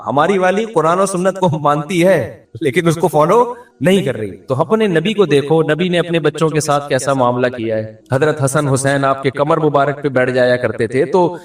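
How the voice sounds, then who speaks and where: A man giving a religious lecture, telling lively stories and acting out voices in the dialogue. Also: a little high. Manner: lively storytelling, acts out voices in quoted dialogue. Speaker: Islamic scholar giving a religious talk. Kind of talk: religious lecture with humorous anecdotes. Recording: roomy, distant mic.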